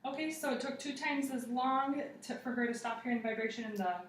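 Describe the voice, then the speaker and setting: A woman's voice: sits high, a little fast. A young adult woman giving a step-by-step spoken demonstration of a clinical exam, narrating each finding as a student would. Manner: procedural, step-by-step narration to a patient and observer. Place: living room, indoors. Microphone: camera across the room. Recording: roomy, distant camera mic, faint noise.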